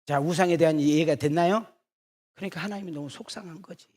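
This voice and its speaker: A middle-aged male pastor preaching in a church, teasing the congregation with rapid rhetorical either-or questions. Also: fairly high pitch, a little mellow. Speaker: senior pastor. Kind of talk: sermon.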